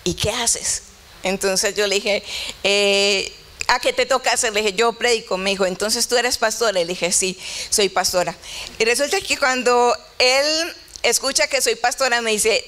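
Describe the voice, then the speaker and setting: A woman's voice: fairly high pitch, moderate pace, fairly bright tone. A middle-aged woman pastor, telling a personal story in a conversational sermon and voicing both sides of the dialogue.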